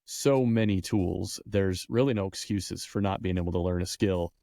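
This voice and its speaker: A man's voice: low-pitched, moderate pace, creaky, mellow. A man hosting a business interview podcast, adding encouraging, reflective comments between questions. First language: English. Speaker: podcast host. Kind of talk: interview conversation.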